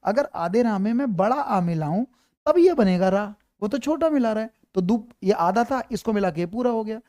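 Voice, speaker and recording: Mellow-voiced man teaching grammar. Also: high voice, lively intonation, normal speed, dry recording, studio quality. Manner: repeats points, keeps checking if students follow; calls students "beta", reassuring. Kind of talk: online class lecture.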